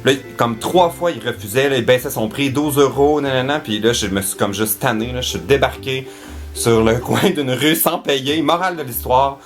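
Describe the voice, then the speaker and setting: A young man from Quebec with a Québécois French accent, chatting in a casual travel vlog, animated and laughing as he tells stories. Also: medium pitch, normal speed, soft background music. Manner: animated, laughing, exclaims often. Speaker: vlogger.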